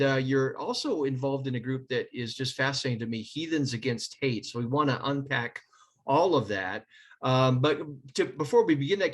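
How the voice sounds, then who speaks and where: A man hosting an interview podcast, introducing his guest in a chatty, slightly stumbling way. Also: medium pitch. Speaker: podcast host.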